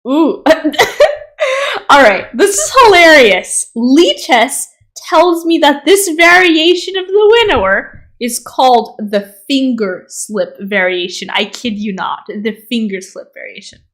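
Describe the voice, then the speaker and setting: Woman chess streamer, lively sing-song delivery, slow and unhurried, giggles easily. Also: sits high. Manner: easily amused, breaks into giggles, chatty asides to viewers. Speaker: chess streamer reviewing viewers' games. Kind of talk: casual livestream game analysis.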